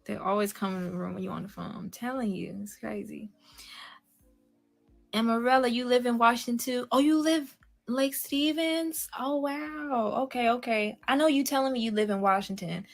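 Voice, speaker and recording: A woman's voice: a little high, moderate pace, gravelly, soft background music. A woman from Seattle chatting casually with viewers on a live stream, rambling and answering the chat directly. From Seattle, USA.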